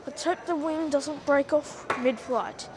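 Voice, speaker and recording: Woman, travel vlogger, fairly high voice, dry sarcastic asides, noisy handheld recording. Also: unhurried, a little mellow. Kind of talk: casual travel vlog commentary. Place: airport terminal and plane cabin.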